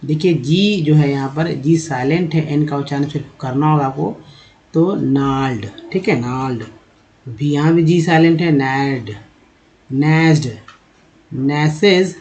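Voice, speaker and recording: Male teacher, fairly high voice, very slow deliberate delivery, spells out word parts before reading them. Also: a little mellow, low-quality recording. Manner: sounds out spelling chunks, repeats words slowly.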